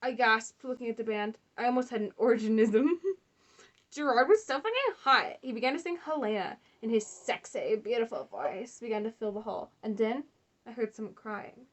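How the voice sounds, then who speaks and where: A woman's voice: a little high, moderate pace. Laughing young woman reading aloud sarcastically. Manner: sarcastic, laughing, swearing asides. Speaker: host reading fan fiction aloud. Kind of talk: casual comedic read-along.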